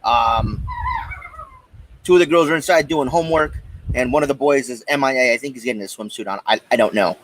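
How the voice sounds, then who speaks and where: A man's voice: mid-range voice, brisk, a bit bright, a little hiss or hum, rough recording. Casual American man hosting a live stream. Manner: hesitant, rambling, informal. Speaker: podcast host. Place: outdoors in a backyard.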